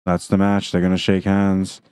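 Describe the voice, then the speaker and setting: A man's voice: deep voice, completely flat delivery, moderate pace, darkish tone, clear, resonant tone, no echo, clean studio sound. A man giving casual play-by-play commentary on a pool livestream, thinking aloud about the shots in a chatty way.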